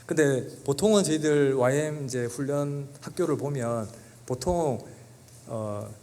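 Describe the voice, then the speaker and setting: A middle-aged man preaching as a guest pastor tells an earnest, emotional personal story in a church sanctuary sermon, his medium-pitched voice unhurried and warm.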